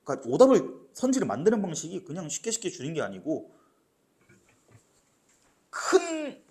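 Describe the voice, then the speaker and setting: Lively Korean lecturer, animated pitch. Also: male voice, normal speed. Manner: explains step by step, often asks "right?". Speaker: literature teacher. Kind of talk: exam lecture.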